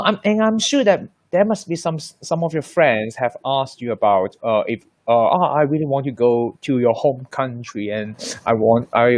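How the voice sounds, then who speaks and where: A man hosting a panel talk, speaking haltingly with frequent restarts and fillers. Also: mid-range voice, no room sound. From Hong Kong. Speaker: host.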